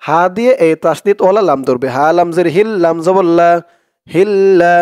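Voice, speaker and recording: A man with a Bangladeshi accent teaches Arabic prayers. He spells out the syllables quickly, then chants the whole words slowly. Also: sits high, lively intonation, a little mellow, dry recording, clean studio sound. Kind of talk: spelled-out recitation lesson.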